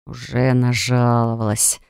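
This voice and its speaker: Reader voicing an elderly father, indignant, dramatic, slow grumbling outbursts, audiobook. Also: mid-range voice, monotone, creaky, a little mellow, clear, resonant tone, dry recording, clean studio sound, pitched below the performer's own voice. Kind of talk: audiobook character voice.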